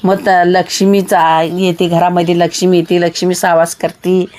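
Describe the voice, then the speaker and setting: A woman's voice: fairly low pitch, level tone, moderate pace, darkish tone. A woman, chatting homely and repetitive to her viewers in a casual home vlog. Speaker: vlogger. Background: child crying at times.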